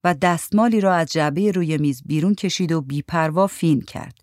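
A woman narrating a literary short story in a steady, measured reading voice. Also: sits low, no echo, clean studio sound.

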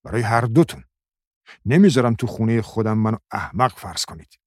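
A man voicing a brutal, angry middle-aged husband who shouts threats in a dry, husky voice. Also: on the low side, animated, no room sound, pitched above the performer's own voice. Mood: threatening. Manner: shouting, menacing.

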